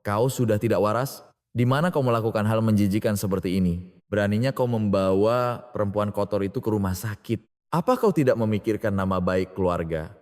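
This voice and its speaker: Man putting on a scornful shouting rich matriarch. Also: lowish voice, a little fast, natural voice. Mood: furious scolding. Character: arrogant domineering older woman, company director. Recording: long reverb.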